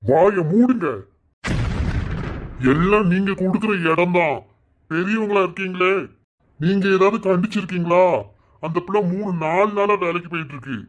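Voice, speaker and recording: A man voicing a furious farmer father in a cartoon, shouting accusations in a Kanyakumari Tamil accent. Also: fairly high pitch, flat delivery, moderate pace, muffled recording, lightly acted. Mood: angry. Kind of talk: cartoon voice acting.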